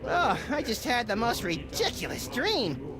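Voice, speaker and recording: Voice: medium pitch, unhurried, a crowd in the background. An actor voicing a hyperactive, wisecracking little rabbity sidekick in a cartoonish video game. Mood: indignant. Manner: excitable, wisecracking.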